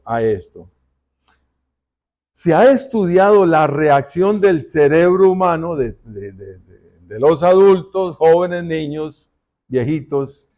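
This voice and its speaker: In a church, a male pastor delivers a sermon at an unhurried, drawn-out pace, his voice a little high but dark in tone. He repeatedly addresses the congregation with rhetorical questions, almost as though conversing with them.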